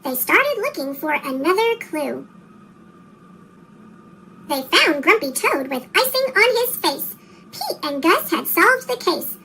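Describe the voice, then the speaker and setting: A storybook reader narrates a scripted children's story for young listeners, her voice pitched up with a chipmunk effect and touched by vocal fry. The delivery is slow, animated, and expressive, though the recording is low quality with slight background noise.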